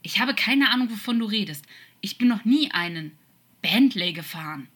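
A woman's voice: mid-range voice, lively intonation, moderate pace, a bit bright, slightly rough, pitched above the performer's own voice. A woman voicing a cold, scornful angel who speaks with hard contempt, in an audiobook fan-fiction reading. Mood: dismissive.

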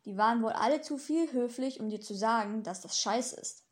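Woman reading as a brash male demon, centuries old, sneering, dry, mocking, audiobook voice, slightly high. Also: a little fast, natural voice.

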